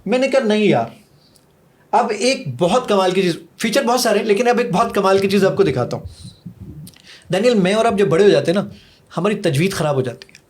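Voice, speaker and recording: A man who made an app, demonstrating it eagerly as a podcast guest and mixing English phrases into his speech. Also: sits high. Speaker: app creator giving a demo.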